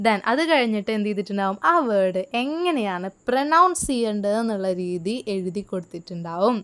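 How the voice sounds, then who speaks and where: Woman teacher; clear, smooth voice; reads English slowly, explains in Malayalam, quizzes herself aloud. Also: mid-range voice, expressive, fairly bright tone. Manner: asks questions and answers them herself. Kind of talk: exam-prep lesson mixing Malayalam and English.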